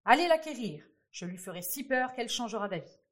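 A woman voicing a wicked, blustering old king who shouts threats, with a breathy voice. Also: medium pitch, fast, natural voice. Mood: furious.

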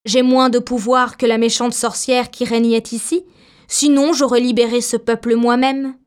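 A woman voicing a kindly little old good witch who speaks calmly and gently. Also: a little high, normal speed, clean tone, natural voice. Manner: calm, gently reassuring.

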